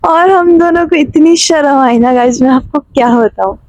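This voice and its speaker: A woman's voice: high-pitched, normal speed, a little mellow, dry recording, highs cut off. A young woman from Himachal Pradesh, a vlogger telling a story to camera in a chatty way with many fillers and restarts. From Himachal Pradesh, India.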